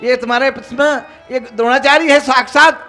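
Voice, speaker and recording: A man voicing a grieving noble queen who begs for mercy in high, repeated cries. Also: normal speed, pushed and bright, faint music behind. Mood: pleading.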